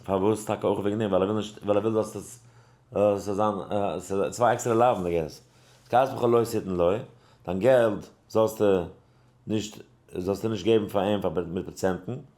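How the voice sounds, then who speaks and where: Lower-voiced man teaching with lively storytelling. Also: echoey room. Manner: animated, acts out dialogue in the story with sudden high pitch jumps; halting, many restarts and repeated words. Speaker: rabbi teaching a Torah class. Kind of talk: Torah lesson with storytelling.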